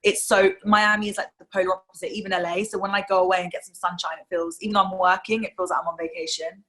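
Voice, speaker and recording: A woman's voice: lowish voice, flat delivery, fast talker, bright, forceful tone. A woman with a London accent, a singer-songwriter guest chatting casually in an interview, laughing easily and saying "like" a lot. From England.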